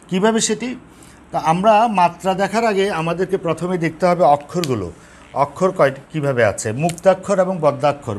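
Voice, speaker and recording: A man teaching a lesson on poetic meter, explaining patiently, repeating key terms and counting syllables slowly. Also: a little high. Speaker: Bengali literature teacher. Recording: faint background noise.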